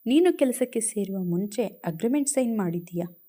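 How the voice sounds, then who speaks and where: A woman voicing an angry, domineering young male boss who shouts harsh scolding lines in a story reading. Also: mid-range voice, expressive, brisk, lightly acted. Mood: cold, stern.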